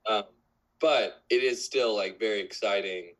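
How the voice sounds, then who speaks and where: A man's voice: lowish voice, measured pace, fairly bright tone, low-quality recording. A man of twenty-one, a musician guest in a casual podcast interview, talking in a rambling way full of fillers.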